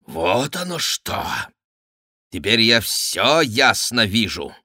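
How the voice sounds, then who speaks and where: A man reading an audiobook, voicing a furious, hot-tempered count who shouts and threatens. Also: fairly low pitch, big pitch swings, takes it slowly, dry recording, studio quality, exaggerated voice. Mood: enraged.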